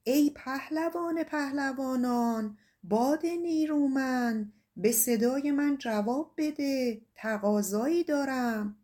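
A lovesick young shepherd on a desperate quest, voiced by a woman narrator. He calls out and pleads with raised, earnest feeling. The voice is fairly high and clean, as in a storybook recording. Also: warm tone, close to an everyday voice. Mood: calling out.

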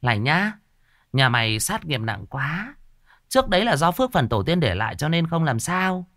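A man voicing a shrill, bossy middle-aged female village medium who talks down to people. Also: big pitch swings, moderate pace, fairly bright tone, no echo, studio quality. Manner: brusque, scolding, self-important.

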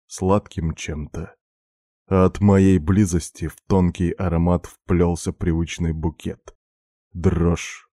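A male audiobook narrator reading first-person fiction with a very deep, unhurried voice. His tone is dark and mellow, and he keeps it measured and intimate. The sound is dry and close, with no room behind him. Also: dry recording. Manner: low, measured, darkly intimate.

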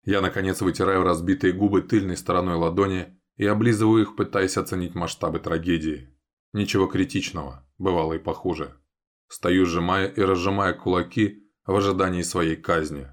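Deep-voiced man narrating an audiobook. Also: steady tone, fairly quick. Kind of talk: first-person audiobook narration.

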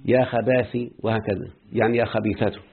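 A man with an Egyptian Arabic accent teaches a quick classroom Arabic grammar lesson, often quizzing students with rhetorical questions about whether they understand. His husky, breathy voice is lowish with fairly even intonation, heard through muffled, narrow, phone-like lo-fi audio.

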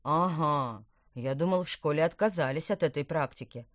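A woman's voice: deep voice, normal speed, no room sound, clean studio sound, lightly acted. A woman voicing a bemused, puffing middle-aged father in a storybook.

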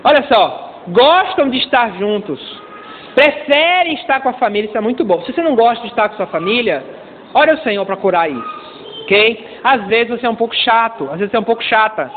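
A middle-aged Brazilian man preaching a lively, humorous sermon as a pastor, acting out small dialogues and calling for amens. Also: very high-pitched, fairly quick, slight background noise. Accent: Brazilian Portuguese. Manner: playful, acts out little dialogues, calls for amens. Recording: tinny lo-fi recording in a long-reverb hall.

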